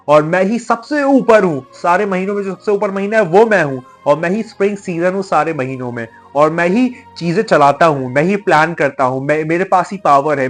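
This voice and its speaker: Young man explaining scripture, slightly high voice. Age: young adult. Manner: restates each point in simpler words, mixes in English terms. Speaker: religious video presenter. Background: faint background music.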